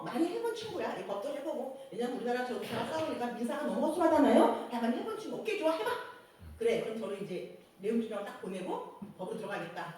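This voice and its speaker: A woman sharing a church testimony, telling her story in a lively way, acting out quotes and laughing often. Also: high-pitched. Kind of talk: personal testimony. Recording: echoey room, distant mic, faint noise.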